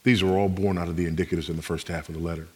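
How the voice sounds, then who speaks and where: A man's voice: low-pitched, little pitch movement, very fast, dark tone, breathy edge, in a large hall. A man preaching a sermon as pastor, emphatic, repeating his key phrases.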